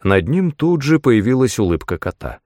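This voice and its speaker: A man narrating a fantasy audiobook in the first person, with expressive, dramatic storytelling. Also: medium pitch, normal speed, dry recording, clean studio sound.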